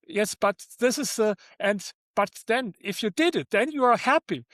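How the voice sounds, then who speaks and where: Older german guy with accent, kinda high voice, dry sound, keeps repeating words. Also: animated, fairly bright tone, dry recording. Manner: halting, repeats words, non-native phrasing. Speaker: guest author. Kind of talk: interview conversation.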